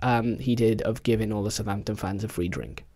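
A young man, chatting casually about football as a podcast co-host, animated and slangy. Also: on the low side, brisk.

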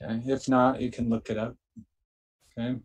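Man at a mid pitch guiding a spiritual group, checks in with "okay?" between forceful chanted lines. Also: level tone, moderate pace, rough recording. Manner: repeats "okay?" constantly, chants incantations with emphasis. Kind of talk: instructional spiritual talk.

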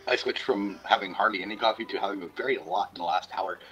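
A man's voice: low voice, fast talker, bright, forceful tone, highs cut off. A man chatting casually while streaming an online game with friends, joking and trying out cartoon impressions. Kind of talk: casual gaming chat.

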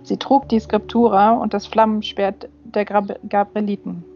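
A woman narrating a fantasy novel as an audiobook reader, in a measured, steady reading. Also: mid-range voice. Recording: slightly dull with faint music.

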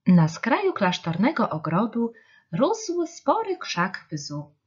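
A woman reads children's stories aloud with an animated, expressive voice that rises and falls a lot. The recording is dull and lo-fi. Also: on the high side, slow pace, slightly rough. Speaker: storyteller. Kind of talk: children's story reading. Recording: dull lo-fi storybook reading.

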